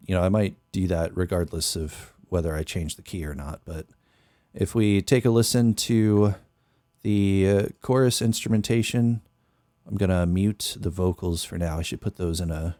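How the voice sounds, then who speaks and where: Dark-toned and very low, the voice belongs to a young music producer rambling casually on his stream, close to a dry boom-arm mic with headphones in a small bedroom studio. No room sound comes through as he meanders, thinking out loud with frequent fillers.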